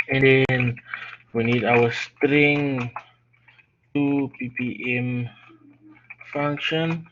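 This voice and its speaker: A man tutoring a live coding lesson while unwell, yawning, thinking aloud as he types, stumbling and restarting. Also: mid-range voice. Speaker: programming tutor. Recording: dull lo-fi audio with steady noise.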